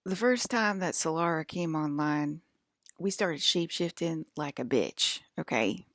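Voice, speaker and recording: Low gravelly woman in her forties. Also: expressive, unhurried, a bit bright, dry recording, studio quality. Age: 40s. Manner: talks to viewers with frequent "okay?" and "right?"; defiant, scolding toward her audience. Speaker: vlogger. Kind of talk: rambling direct-to-camera monologue.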